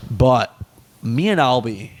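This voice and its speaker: A man in his twenties riffs through a casual podcast chat, joking and rambling. His voice sits at a middle pitch, and he talks in an animated way. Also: slow pace. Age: 20s. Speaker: podcast co-host.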